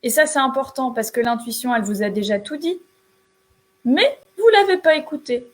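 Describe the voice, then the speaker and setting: A woman's voice: high-pitched, expressive, moderate pace. A woman entrepreneur co-hosting a show, giving casual motivational advice in an emphatic, colloquial way.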